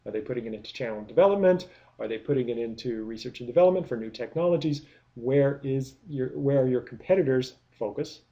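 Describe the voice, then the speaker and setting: A man's voice: mid-range voice, quick pace, muffled recording. A man giving a recorded business lecture, explaining step by step with many rhetorical questions and frequent restarts. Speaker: product management lecturer.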